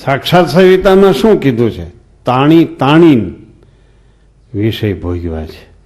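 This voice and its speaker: Brisk and very animated, this man speaks at medium pitch with a darkish tone. He is a swami preaching a scripture discourse, spinning folksy stories and asking the listeners in the hall questions.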